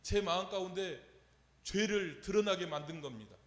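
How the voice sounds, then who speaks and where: A man's voice: sits high, moderate pace, fairly bright tone. A man preaching a sermon, telling a story and asking the congregation rhetorical questions. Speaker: pastor. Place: church sanctuary. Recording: echoey church hall with long reverb.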